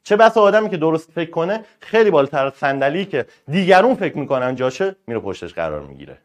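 A male exam-prep teacher giving a motivational talk to students on a live stream. He talks in a colloquial, emphatic way, moving between loud urging and soft, affectionate asides. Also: on the high side, very animated.

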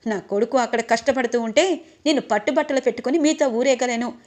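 An angry mother pressing for her son's due, emotional and insistent, read by a woman narrator. The voice sits fairly high. It stays close to the reader's own. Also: a little fast, darkish tone, natural voice. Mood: indignant.

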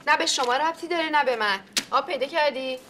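A snappy, bossy coworker in a comedy series. Her high voice snaps out orders. A faint noise sits behind her. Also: sharp tone.

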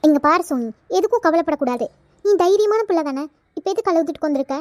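A woman's voice: very high voice, expressive, quick pace, darkish tone, dry recording, studio quality, pitched above the performer's own voice. A woman voicing a caring village mother in a cartoon comedy, talking in a coaxing, motherly way. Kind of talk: cartoon voice acting.

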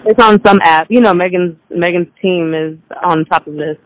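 A woman talking casually and haltingly on a prison phone call. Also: fairly low pitch, crowd noise. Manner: hesitant, halting. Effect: phone line.

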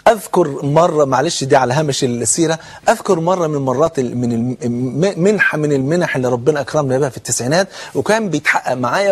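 A rapid, husky-voiced Egyptian man in his sixties preaches a religious lecture. His voice sits a little high for a man. He tells stories with drama, dropping to hushed lines and climbing to loud ones as he voices each person in them. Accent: Egyptian Arabic. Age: 60s. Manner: storytelling, acts out quoted dialogue, shifts between hushed and raised tones.

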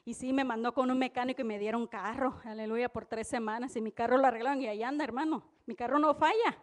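High-voiced woman preaching animatedly. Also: fast. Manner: animated storytelling, exclamations of praise. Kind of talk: live church preaching with anecdotes. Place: church service.

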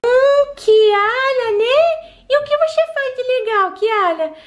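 A woman's voice: very high voice, animated, slow, full character voice. A Brazilian woman voicing a cheeky, jealous baby-girl doll in a toy play video, with a teasing, babyish manner. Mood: sassy. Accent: Brazilian Portuguese.

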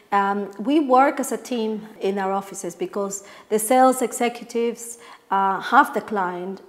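Seated on a sofa in her living room, a middle-aged Colombian woman speaks to camera about her family real estate business in a promotional talk. She is the agent and owner, and her voice is mid-range.

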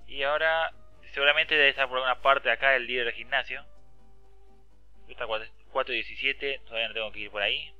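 A man's voice: mid-range voice, fairly even intonation, quick pace, sharp tone, dry recording, soft background music. A man with an Argentine accent giving casual game commentary, reading game text aloud, ranting and swearing freely. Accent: Argentine Spanish. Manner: chatty, swears often, reads game text aloud, rants. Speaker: gameplay commentator. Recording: dull lo-fi dry sound.

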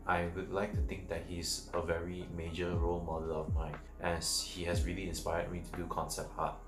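Young guy, super low voice, earnest measured answers, roomy sound with music under it. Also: little pitch movement. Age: young adult. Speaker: art student guest. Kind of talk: direct-to-camera interview answers.

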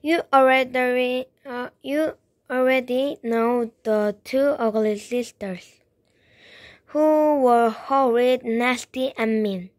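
A woman reading a children's storybook aloud in a gentle, deliberate way. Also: a little high, steady tone, no room sound. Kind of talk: children's read-aloud narration.

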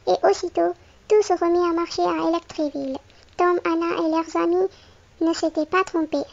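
Very high-voiced woman reading a children's book. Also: moderate pace, muffled recording. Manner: clear, expressive storytelling for a young child. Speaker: storybook reader.

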